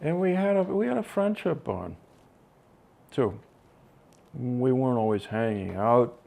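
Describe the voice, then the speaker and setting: An older man from Connecticut, a drummer, answering interview questions slowly and haltingly, with many pauses and trailing soft phrases. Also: medium pitch, lively intonation, creaky. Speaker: drummer interviewed about his band.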